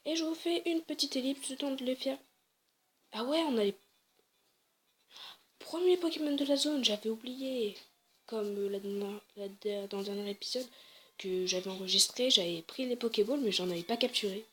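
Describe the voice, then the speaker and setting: A woman's voice: fairly high pitch, normal speed, a little hiss or hum. A woman casually commenting on her game, chatty and hesitant, often correcting herself. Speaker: let's play gamer.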